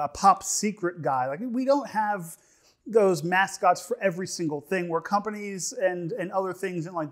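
High-pitched young man, rambling snack reviewer. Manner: rambling, halting, with repeated phrases and joking asides. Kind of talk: casual, humorous on-camera food review. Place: indoor studio set with dark curtain backdrop. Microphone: lapel mic.

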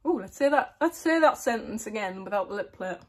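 This young vlogger, speaking to camera in a small room, has a medium-pitched, darkish voice and an animated, slightly fast delivery. Her lip plate gives her a slight lisp, and she giggles from time to time as she chats.

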